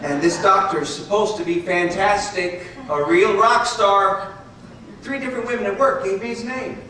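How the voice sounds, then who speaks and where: Eager reassuring husband, bright highish voice, echoey far theater. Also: male voice, fairly even intonation, moderate pace, a little hiss or hum. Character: earnest supportive husband. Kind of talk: stage musical acting. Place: large theater stage. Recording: distant echoey theater bootleg.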